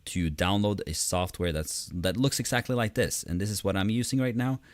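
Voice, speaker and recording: A man giving an informal, enthusiastic tutorial narration in a bassy voice, close and dry on the microphone, with emphatic repetition. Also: a little fast, no echo. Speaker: online course instructor. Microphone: close USB desktop microphone.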